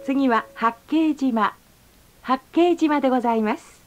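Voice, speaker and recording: A woman reading a polite, formal onboard train announcement, slowing down to stretch out each station name. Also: high-pitched, a little hiss or hum. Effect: recorded onboard train announcement. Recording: slightly dull lo-fi sound.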